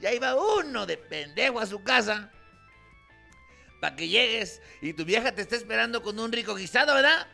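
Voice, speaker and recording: A man's voice: high voice, big pitch swings, normal speed, vocal fry, bright, forceful tone, soft background music. A man with a Mexican accent doing a stand-up comedy routine, acting out both sides of a couple's quarrel.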